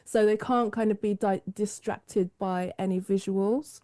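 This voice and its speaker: Woman podcast host, mid-pitched, warm, dry close sound, musing delivery. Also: steady tone, measured pace, no room sound. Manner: musing, many fillers and restarts. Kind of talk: podcast interview.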